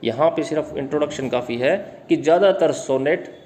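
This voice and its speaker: A man with an Indian accent teaching English literature terms, reading definitions slowly and then explaining with questions to his students. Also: on the high side, a little mellow, slight background noise. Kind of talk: classroom lecture explaining terms in Hindi and English.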